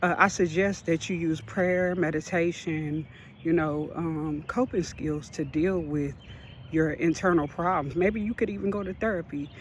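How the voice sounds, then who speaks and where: A man's voice: a little high, steady tone, unhurried, a little hiss or hum. A man vlogging a motivational talk, earnest and encouraging, rambling with lots of fillers and a bit out of breath.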